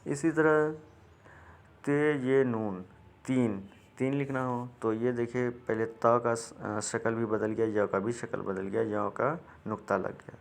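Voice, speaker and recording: A man teaches a reading lesson step by step, patient and repetitive, restarting often. His voice is medium in pitch and gravelly, with fairly even intonation.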